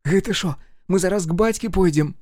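A man's voice: sits high, brisk, a little mellow, no room sound, clean studio sound, pitched above the performer's own voice. A man voicing an eager, whining little peasant boy in an audiobook. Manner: whining, eager, rural dialect. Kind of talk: audiobook character voice.

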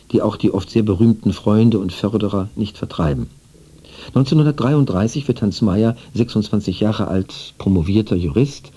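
A man narrating a scripted radio feature in an even, formal, literary manner. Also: lowish voice, husky.

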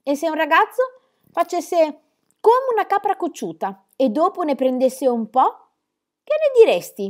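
A woman reading aloud plays a gruff old grandfather in a storybook, stern and emphatic as he lectures a boy. His voice rises and swoops with a lively, lilting pitch. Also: normal speed. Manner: scolding, emphatic. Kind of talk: audiobook reading.

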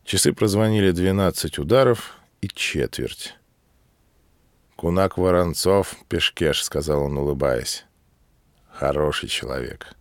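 A man with a very low voice reads a classic novel aloud at a measured pace. He narrates in a literary, unhurried way and raises his voice for other characters. The sound is close and dry, with no room around it. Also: no echo. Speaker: audiobook narrator.

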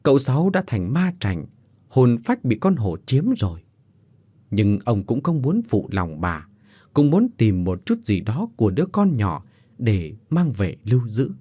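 A man narrating a scripted horror story in a dramatic, expressive way. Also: mid-range voice, a little slow, no room sound.

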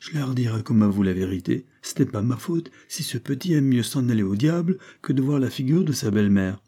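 A man's voice: mid-range voice, animated, a little fast, dark tone, pitched above the performer's own voice, lightly acted. A man reading an audiobook, voicing a shrewd, sly older farmer who talks bluntly and teasingly in a raised voice. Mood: bantering.

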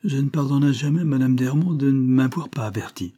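An effusive, ingratiating foreign gentleman, voiced by a male reader in a storybook reading, pitched noticeably higher than the narration. The voice stays dark and a little husky underneath, eager and over-polite. He courts his listener with lavish courtesy. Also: quick pace, lightly acted. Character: smooth foreign gentleman, feigned naive count.

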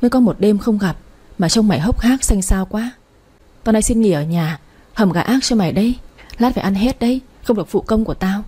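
A woman's voice: mid-range voice, fairly quick, mellow, breathy edge, lightly acted. A woman voicing a blunt, chatty young female best friend.

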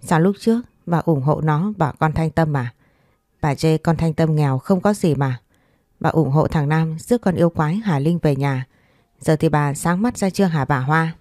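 A woman's voice: low voice, normal speed, dark tone, no room sound, clean studio sound, lightly acted. A woman voicing a blunt older man who reproaches his wife. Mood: reproachful. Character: blunt, scolding older husband.

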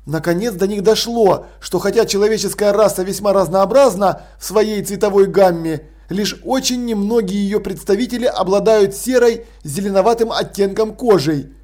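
A man reading an audiobook in an expressive narrating voice. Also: sits high, normal speed, hardly any pauses. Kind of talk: scripted narration.

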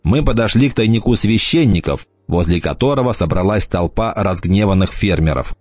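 A man reading an audiobook in a lively storytelling manner. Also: lowish voice, normal speed, no echo. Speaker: audiobook narrator. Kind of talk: scripted narration. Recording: dull lo-fi dry recording.

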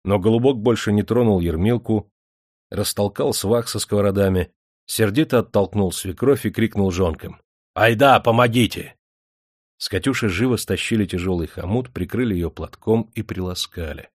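A man reading an audiobook in measured, even storytelling narration. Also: lowish voice, no room sound, clean studio sound.

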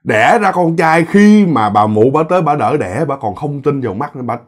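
Guy telling a ghost story, chatty, talks right to listeners, voice a bit high. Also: animated, normal speed. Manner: chatty, addresses listeners directly, repeats words for effect. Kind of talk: casual spoken storytelling.

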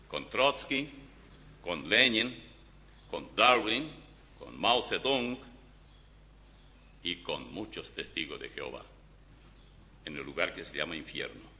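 A man preaching with animated, emphatic delivery, his voice swinging from soft to loud. His tone is bright and his pitch moves a lot. The recording is dull and lo-fi, with a long hall reverb. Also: takes it slowly, pauses often. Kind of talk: sermon with Bible reading.

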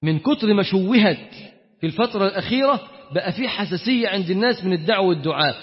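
Fast, high-voiced Egyptian preacher. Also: male voice. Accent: Egyptian Arabic. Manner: animated, emphatic, swings between loud and quiet. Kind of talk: colloquial sermon. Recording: dull lo-fi sound with long hall reverb.

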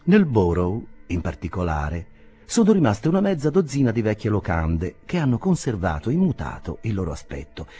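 Expressive low-voiced man narrating. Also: moderate pace, husky. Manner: expressive, theatrical reading. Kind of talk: audiobook reading of a classic novel.

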